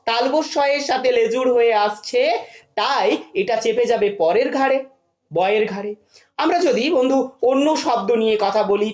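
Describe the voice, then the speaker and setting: A woman teaching a children's spelling lesson, asking questions and answering them herself and repeating a catchy rule. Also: a little high.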